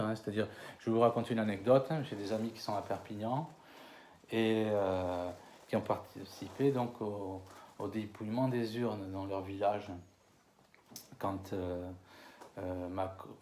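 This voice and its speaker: French man lecturing, low voice. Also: warm tone, a little hiss or hum. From France. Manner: hesitant, many fillers and restarts, slow over names. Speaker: conference speaker. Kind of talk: lecture to an audience. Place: conference hall.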